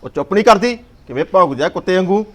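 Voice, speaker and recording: Fast-talking, easygoing man. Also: high voice, animated, a bit bright. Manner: easygoing, agreeable. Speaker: actor in a village drama. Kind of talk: Punjabi village drama acting.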